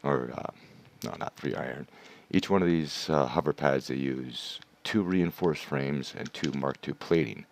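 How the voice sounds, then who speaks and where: Unhurried and barely pausing, this bass-voiced livestream host talks through a game in a casual way. He walks the viewers through the mechanics one step at a time.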